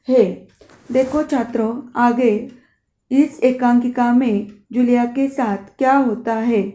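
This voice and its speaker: A woman's voice: a little high, dark tone. A woman teacher reading a play aloud to her class, stopping to explain words step by step. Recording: echoey room.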